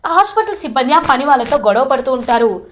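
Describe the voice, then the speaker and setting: High-voiced woman recapping a serial. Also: quick pace, slight background noise. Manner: chatty, animated retelling with quoted lines. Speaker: serial episode recap narrator. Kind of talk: casual storytelling recap.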